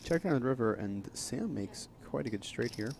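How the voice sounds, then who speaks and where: A man's voice: medium pitch, expressive, brisk, gravelly, a little mellow, a little hiss or hum. A man with a New York accent giving casual, analytical live poker commentary. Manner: casual, analytical, restarts often.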